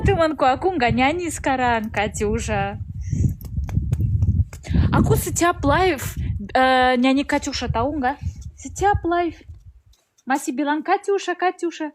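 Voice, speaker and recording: A Russian woman speaking Indonesian as a foreigner with a Russian accent, chatting casually on an outdoor live stream and pausing to search for words. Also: sits high, expressive, slight background noise. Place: outdoors in the snow.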